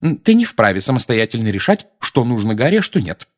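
A storybook voice of a protective mother witch, put on by a male narrator, pushed well up into a high, strained register. She scolds hard and insists on every word, climbing toward a shout. Her pitch swings widely from line to line. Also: huge pitch swings, fairly quick. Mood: scolding. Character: stern motherly middle-aged witch, protective and sharp.

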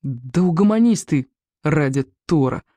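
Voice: medium pitch, lively intonation, unhurried, dark tone, no room sound, close to an everyday voice. An audiobook reader voicing a frantic young Viking boy who talks in breathless, urgent bursts. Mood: snappish.

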